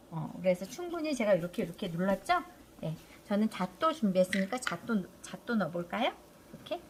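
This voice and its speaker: A woman's voice: on the high side, a little hiss or hum. A middle-aged woman giving a friendly step-by-step cooking demonstration, repeating her cues as she works. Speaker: cooking instructor.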